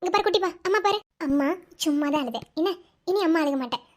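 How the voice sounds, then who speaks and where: Brief: quick, high-voiced young cartoon wife, Madurai Tamil accent, soft and soothing. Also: female voice, expressive. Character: tender young wife and mother. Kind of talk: cartoon voice acting.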